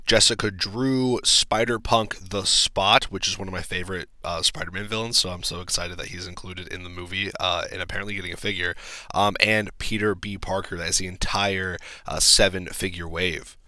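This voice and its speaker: A low-voiced man talks through toy news in a casual, filler-heavy way and gives blunt opinions. His tone is bright and forward. The room sounds dry and close. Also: steady tone, moderate pace, no echo. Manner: chatty, frequent ums and likes, blunt opinions. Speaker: toy collector channel host.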